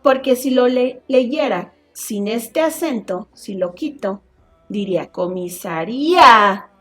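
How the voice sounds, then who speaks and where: A woman teacher from Mexico, talking through a grammar lesson for her class. She speaks slowly and carefully in a fairly high voice, stopping often to check that her students follow. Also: lively intonation, warm tone. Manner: slow and explanatory, often checking with a questioning "¿sí?". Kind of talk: online class lecture.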